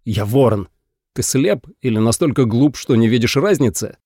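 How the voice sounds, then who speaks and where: Man playing an arrogant young heir, cold, mocking, mellow dark voice, dry close sound. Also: mid-range voice, lively intonation, normal speed, no room sound, close to an everyday voice. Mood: haughty. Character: proud arrogant young male clan heir.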